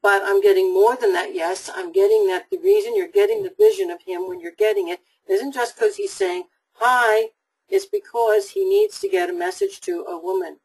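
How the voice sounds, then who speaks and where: A woman hosts a live psychic call-in show, her voice gravelly with a husky edge. She talks in an upbeat, reassuring way, her pitch rising and falling a lot as she answers callers. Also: sing-song, moderate pace, low-quality recording. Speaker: psychic host of a live webinar.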